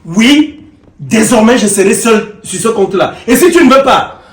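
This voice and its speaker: A man playing a domineering, boastful husband who hectors and shouts at his wife in a comedy web series. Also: sits high, expressive, normal speed. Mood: shouting. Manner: blustering, hectoring, rising to shouts. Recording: echoey room, mic far off, music.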